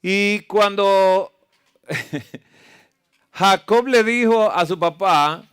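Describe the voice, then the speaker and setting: A man's voice: sits high, extremely slow, fairly bright tone, smooth. A man preaching a sermon that mixes medical slides with scripture, asking the congregation frequent rhetorical questions. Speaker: preacher and health lecturer. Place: church camp meeting.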